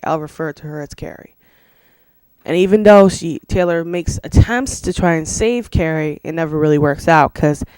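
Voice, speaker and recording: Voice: mid-range voice, a little mellow, no echo. A reviewer giving a casual spoken film review, rambling and swearing freely, filling gaps with "you know" and "like". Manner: laughs between remarks.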